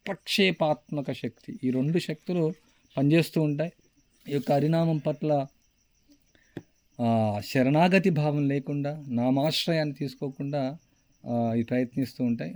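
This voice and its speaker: A man with a Telugu accent delivers a devotional lecture, voice pitched a bit high. He tells stories with animation and raises his voice at the dramatic points. The sound is dry and close. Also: dry recording. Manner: animated storytelling, voice rises when excited; chants the mantra in a mock-distracted way. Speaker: spiritual teacher.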